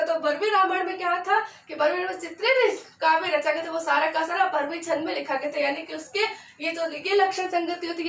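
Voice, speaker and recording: A woman teacher talks through a lesson in a high voice, patiently counting aloud and asking and answering her own questions. She sits at a distance from the mic in a roomy, echoing space with a faint hiss behind her. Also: gravelly, a bit bright. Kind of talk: Hindi poetry meter lesson, counting aloud. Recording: echoey room, far from the mic, faint noise.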